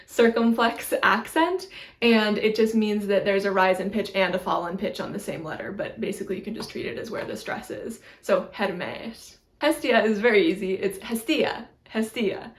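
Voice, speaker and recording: In a casual explainer video, this young woman walks through Greek pronunciation with chatty self-deprecation and frequent laughs at her own expense. Her voice is medium-pitched, and the recording is reverberant.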